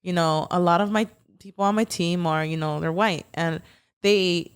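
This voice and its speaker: Her voice is on the low side, steady and clean, at normal speed. This young American co-host, whose parents are Mexican and whose first language is Spanish, keeps the podcast chat casual, swearing and packing in fillers.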